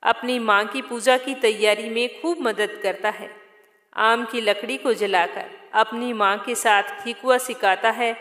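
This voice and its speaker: A woman tells a devotional folk tale in a steady, even storytelling voice pitched somewhat high. The recording is roomy, with a long reverb trailing behind each phrase. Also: a little slow. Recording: echoey room with long reverb.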